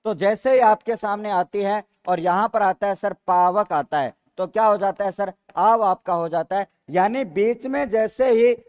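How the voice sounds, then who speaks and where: A man's voice: high voice, measured pace, hardly any pauses, darkish tone, clear, resonant tone. A man with a Rajasthani Hindi accent teaching grammar in a live online class, repeating each question and answering it himself while calling viewers "sir". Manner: calls viewers "sir" constantly. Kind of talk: live online class, reading student comments.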